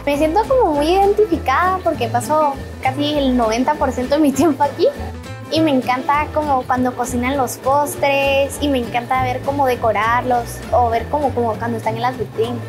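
A teenage girl from Guatemala talks about herself in an eager, articulate way. Her voice is high. Music plays clearly behind her. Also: steady tone, moderate pace. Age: teens. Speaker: contestant. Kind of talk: interview.

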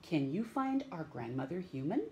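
A middle-aged woman hosting storytime reads a picture book aloud to young children in a small room at home. Her low, warm voice is very animated at a normal pace, and she theatrically stretches out words and asks her listeners questions.

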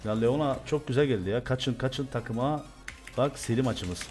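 A young man from Turkey commentating loudly and excitedly on his own gameplay, swearing and shouting at the game. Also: mid-range voice, moderate pace, soft background music. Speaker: gaming streamer.

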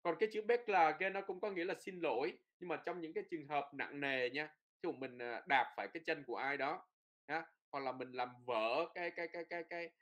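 With a slightly high, fairly bright voice and a fairly quick pace, a male Norwegian teacher runs a pronunciation lesson, going over the rules and repeating drill words with frequent tag words.

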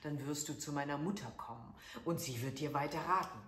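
A woman's voice: low-pitched, fairly quick, lightly acted. A woman voicing a very old wise woman who gives plain, matter-of-fact advice, in a roomy recording. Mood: calm. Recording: echoey room.

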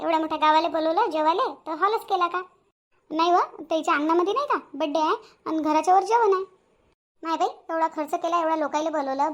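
A woman from Vidarbha with a Varhadi accent voices gossiping village women for a cartoon story. Her pitch is extremely high, and her speech is colloquial and full of exclamations.

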